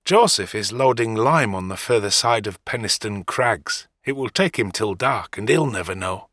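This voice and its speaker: Gruff, brooding young man, swinging intonation. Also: on the low side, lively intonation, normal speed, fairly bright tone, no room sound, studio quality. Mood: sullen, defiant. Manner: gruff, resentful. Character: sullen, wounded young farmhand in love, brooding. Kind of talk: dramatic audiobook dialogue.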